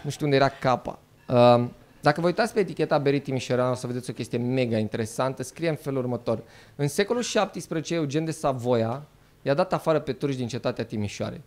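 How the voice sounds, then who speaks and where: A man performing a stand-up comedy set, animated and mock-outraged, jumping into quick character voices. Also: mid-range voice. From Romania. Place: live comedy venue.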